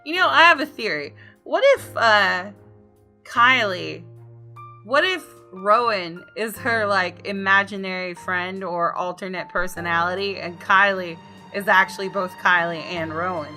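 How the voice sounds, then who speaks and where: Over faint, gentle game music, a woman reads the story of a visual novel with feeling, mixing in offhand remarks of her own. She's a gamer with a mid-range voice and takes her time.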